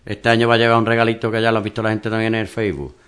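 A man's voice: fairly low pitch, little pitch movement, racing, a bit bright, smooth. A man who organizes a mountain race, talking it through in a rambling radio interview with many restarts.

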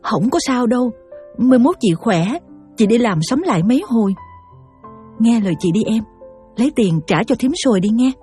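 A woman's voice: a little high, animated, moderate pace, long pauses, warm tone, faint music behind, natural voice. A woman playing a humble poor young mother. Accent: Southern Vietnamese. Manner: humble, polite, pleading.

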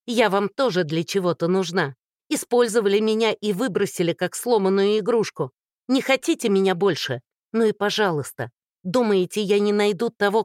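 A reader voicing a furious young woman who shouts and taunts in an audiobook. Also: mid-range voice, dry recording, clean studio sound, pitched above the performer's own voice, lightly acted.

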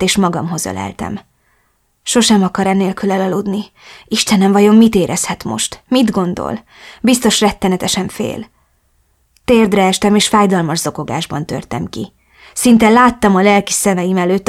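A woman narrating a novel in the first person, reading expressively and with emotion. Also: medium pitch. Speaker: audiobook narrator.

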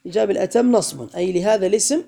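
A man teaching a classroom grammar lesson, quizzing his students with questions and chanting verse lines slowly. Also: high-pitched, creaky, dark tone.

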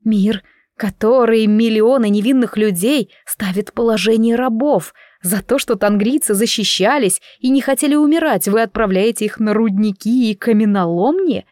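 A woman's voice: a little high, normal speed, darkish tone, dry recording, studio quality, natural voice. A woman voicing a wounded young woman prisoner in an audiobook, bitter and pleading, breaking into cries. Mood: bitter anguish. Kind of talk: audiobook character voice.

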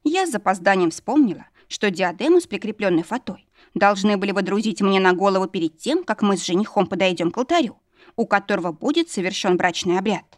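A woman narrates a novel in the first person, steady and expressive. Her voice sits at a middling pitch and the recording is close and dry with no room sound. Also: fairly quick, no room sound. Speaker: audiobook narrator.

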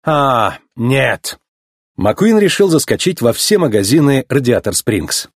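A man narrating a children's storybook in an expressive, animated reading. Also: mid-range voice, normal speed, husky, no echo, studio quality.

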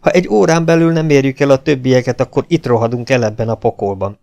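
A man reading an audiobook who voices a brutal, hot-tempered male legionnaire, speaking harshly and loudly. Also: medium pitch, steady tone, gravelly, dull audio, natural voice. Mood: urgent. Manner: harsh, shouting, scornful. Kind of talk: audiobook character voice.

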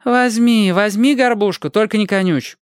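A reader voicing a quick-tempered young girl who scolds her friends in a storybook reading. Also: mid-range voice, clean tone, dry recording, clean studio sound, pitched above the performer's own voice, natural voice. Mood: scolding. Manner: scolding, exasperated.

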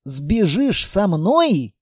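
A man's voice: sits high, big pitch swings, breathy edge, dry recording, studio quality, full character voice. A man reading aloud, voicing a sad, sarcastic little girl who never grows up. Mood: eager. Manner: quick, sulky and sarcastic. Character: sad, sharp-tongued immortal little blonde girl.

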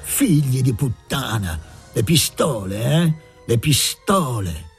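A man reading aloud, voicing a tough, hot-tempered young man who talks low and with contempt. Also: big pitch swings, slow, slightly rough, soft background music, full character voice. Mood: contemptuous.

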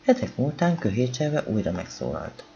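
A man with a gravelly voice reading a novel aloud as an audiobook narrator, calm and even, voicing the dialogue quietly. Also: medium pitch, lo-fi sound, a little hiss or hum. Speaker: audiobook reader.

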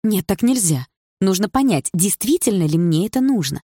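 A woman voicing a stubborn, lively young girl who asks insistent, indignant questions. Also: medium pitch, moderate pace, slightly rough, dry recording, studio quality, pitched above the performer's own voice. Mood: fussy insistent.

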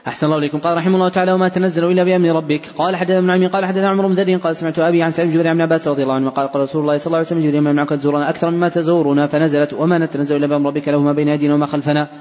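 A man reading hadith texts aloud in a fast, even recitation, recorded in a large mosque hall. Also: fairly high pitch. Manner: fast, even, unbroken reading with brief slips. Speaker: hadith reader. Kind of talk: rapid recitation of hadith text. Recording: dull recording in a reverberant hall.

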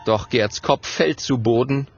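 A man narrating a children's story in an expressive, animated way. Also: mid-range voice, measured pace. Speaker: audiobook narrator. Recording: dull audio with faint music.

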